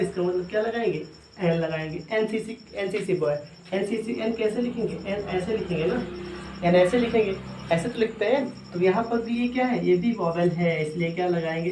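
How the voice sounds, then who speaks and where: A man's voice: high voice, darkish tone, slight background noise. A male teacher gives a lecture, asking questions and answering them himself, and repeating them often. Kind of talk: classroom lecture. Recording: echoey room.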